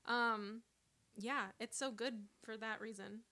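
Woman, from Northern California, bright voice, fairly high, casual podcast guest, quotes people in her stories. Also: slow pace. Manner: animated storyteller who acts out quoted dialogue. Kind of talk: casual chat.

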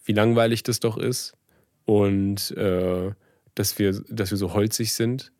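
A man's voice: lowish voice, little pitch movement, slow pace, a little mellow, dry recording. Joking man, dry close sound. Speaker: podcast co-host. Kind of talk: casual chat.

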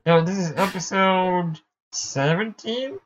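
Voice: medium pitch, slow pace. Easygoing podcast co-host, dull sound. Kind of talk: casual chat.

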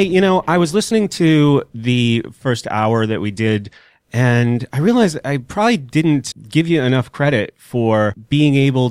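A man's voice: medium pitch, no echo, clean studio sound. A man hosting a casual podcast, with a congested nasal voice as if pinching his nose, talking in a wry, dryly joking way. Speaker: podcast host.

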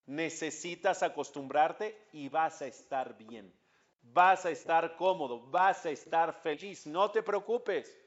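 Man, rabbi giving a lesson, higher voice, dull lo-fi sound. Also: slow pace. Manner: animated storyteller acting out dialogue, asks the audience questions. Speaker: rabbi teaching a class. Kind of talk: religious lesson. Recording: dull lo-fi recording.

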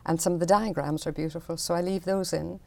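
An older woman from talks through her art in an interview. Her voice sits low and mellow, with a gravelly edge. She explains things in a chatty, unhurried way. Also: fairly even intonation. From Northern Ireland. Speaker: artist.

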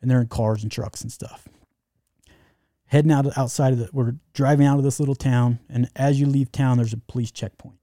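A man's voice: medium pitch, fairly even intonation, normal speed, dark tone, no echo, studio quality. A man telling a travel story in casual chat, rambling with lots of fillers and restarts.

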